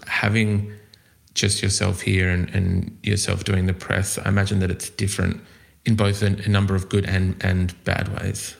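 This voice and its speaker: Australian male podcast host, low gravelly voice, easygoing with lots of ums. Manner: friendly, hesitant with fillers and restarts. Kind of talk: casual interview chat.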